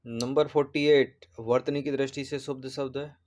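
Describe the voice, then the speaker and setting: A man's voice: medium pitch, fairly even intonation, moderate pace, a little mellow. A man, an exam prep teacher who goes through test answers and patiently repeats and corrects spellings.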